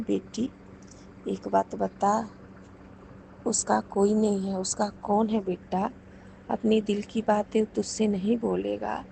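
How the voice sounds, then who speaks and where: A middle-aged woman giving a devotional testimony talk, often addressing the congregation directly and repeating soft murmured thanks. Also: mid-range voice, creaky, a little hiss or hum, rough recording. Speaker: devotee sharing experiences with the congregation.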